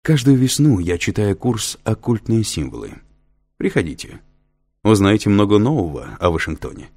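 A man's voice: on the low side, big pitch swings, normal speed, a little mellow. A man reading an audiobook, voicing a patient male professor who explains and lectures with dry humor. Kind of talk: audiobook character voice.

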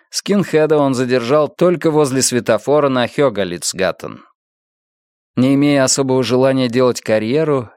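A man reading an audiobook in steady scripted narration. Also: mid-range voice, no room sound, clean studio sound.

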